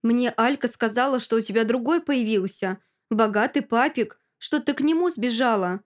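A woman's voice: on the high side, normal speed, close to an everyday voice. Woman voicing a weak, flustered young fiancé in an audiobook, pleading, faltering.

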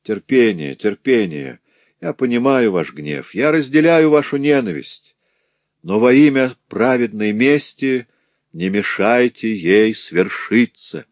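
A man voicing a calm, authoritative gentleman who speaks firmly but with compassion. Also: mid-range voice, slow pace, no echo, muffled recording, voice pushed up. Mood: compassionate.

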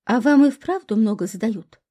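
A woman's voice: a little high, lively intonation, moderate pace, warm tone. A woman voicing a sensible, weary young woman who grumbles at her friend. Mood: grumbling.

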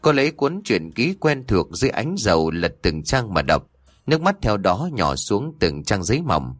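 A man narrates an audiobook with an expressive, dramatic reading. His low voice moves widely in pitch. The sound is dry and close. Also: moderate pace, dry recording. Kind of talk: storytelling narration.

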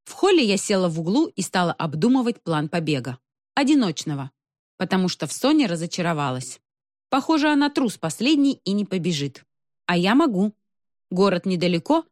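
A woman reading a first-person story aloud in an ironic, expressive manner. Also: medium pitch, no room sound, clean studio sound. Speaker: narrator.

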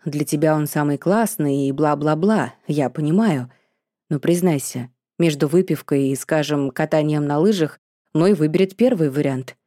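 A woman's voice: low voice, normal speed, mellow, no room sound, close to an everyday voice. A woman voicing a laid-back, sarcastic young man in an audiobook, speaking in a dry, teasing way.

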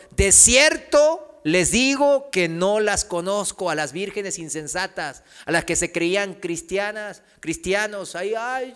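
A man's voice: high-pitched, a bit bright, clear, resonant tone. A man preaching a sermon, reading scripture aloud and asking his listeners questions that he answers himself. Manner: asks the congregation rhetorical questions and answers them; reads scripture aloud, raising his voice for quoted cries. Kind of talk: sermon teaching. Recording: long hall reverb.

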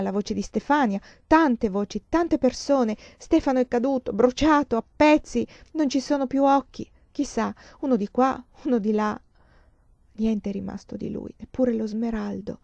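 Woman, audiobook reader of literary fiction, expressive, mid-pitched, dry dull lo-fi recording. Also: no room sound. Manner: expressive, swings between hushed and loud passages. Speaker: reader of a novel.

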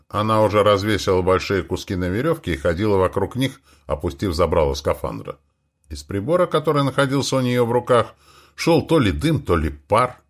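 A man reading a first-person science fiction audiobook with animated storytelling. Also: fairly low pitch. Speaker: audiobook reader.

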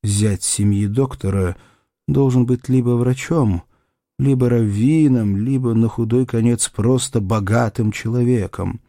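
A man reading a novel aloud as narrator, in an expressive, measured style. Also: mid-range voice, no echo, studio quality. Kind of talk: audiobook narration.

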